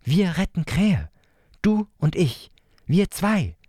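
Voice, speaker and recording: A man doing a slow, earnest little boy with a high voice. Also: sing-song, dark tone, husky, no echo, clean studio sound, heavily acted. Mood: eager. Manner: slow, halting, simple childlike phrasing. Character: earnest little boy, the narrator's younger brother.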